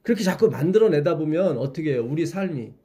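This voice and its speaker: A man's voice: fairly high pitch, animated, quick pace, dark tone, dull audio. A man leading a Bible study, explaining patiently and asking his listeners questions.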